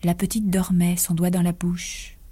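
A woman reading a story aloud for radio in an expressive voice that often drops to a whisper. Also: lowish voice, measured pace, slightly rough. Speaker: reader.

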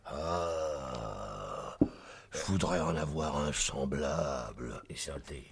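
A deep, stammering nobleman. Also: drawn-out words, gravelly, breathy edge, heavily acted. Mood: deferential. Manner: stammering, hesitant, deferential. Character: hesitant nobleman, devoted and deferential. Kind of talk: 1960s radio drama acting.

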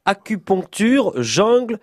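A man hosting a live call-in radio show from a studio, lively and jokey with his guest. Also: high-pitched, takes it slowly, no room sound. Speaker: radio host.

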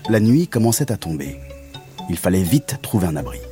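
A man narrating a children's story in a gentle, expressive storytelling manner. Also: sits low, moderate pace, over music.

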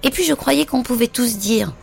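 A woman voicing an excitable little boy who talks in an eager, pleading way, with music playing underneath. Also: on the high side, moderate pace, gravelly, voice pushed up. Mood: indignant.

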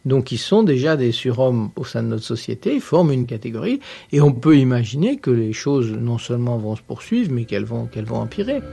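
A man's voice: mid-range voice, big pitch swings, a little fast, vocal fry, dark tone. A man speaking as a radio guest who argues hesitantly, searching for words. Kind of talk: radio discussion.

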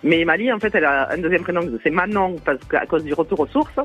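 A woman's voice: on the low side, quick pace, fairly bright tone, slightly rough, soft background music. A woman from Toulouse with a southern Toulouse accent, calling in to a radio show, chatty and giggling as she explains at length. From Toulouse, France. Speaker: caller. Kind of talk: phone-in chat. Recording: tinny phone line.

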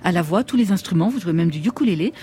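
A woman's voice: lowish voice, lively intonation, fast talker, mellow, a little hiss or hum. A woman hosting a conversational radio interview from a studio. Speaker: radio host.

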